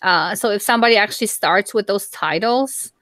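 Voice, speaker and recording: A woman in a casual group call, thinking aloud with halting restarts. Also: medium pitch, a bit bright, no room sound. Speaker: panel guest.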